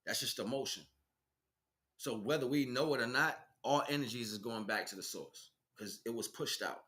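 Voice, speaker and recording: This livestream host gives an improvised spiritual sermon, hammering home points through emphasis and repetition. He talks at a normal speed with a mid-range voice and a sharp tone.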